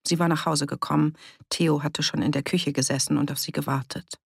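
An audiobook narrator reading a village novel in even, measured scripted narration. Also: medium pitch, gravelly, husky, no echo, studio quality.

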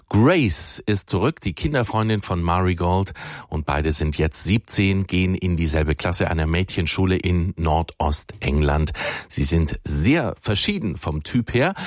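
A man introducing a radio reading in a calm, formal announcer's manner, close to a studio mic. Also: sits low, no echo. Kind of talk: scripted introduction.

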